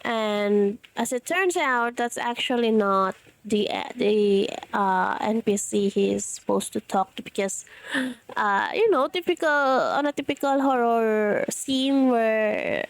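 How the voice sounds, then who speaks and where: Her pitch is fairly high and her intonation lively, though she takes things slowly on a dry recording. She's a Tagalog-speaking Filipino woman with a Filipino accent, narrating her game in a rambling way from her room, alone. Her voice is still healing from being lost, and she leans on fillers and frequent self-corrections.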